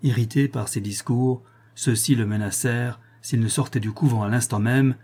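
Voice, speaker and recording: Brief: male audiobook narrator, mellow dark tone, slightly husky, measured delivery. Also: mid-range voice, fairly even intonation. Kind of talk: scripted narration of a classic novel.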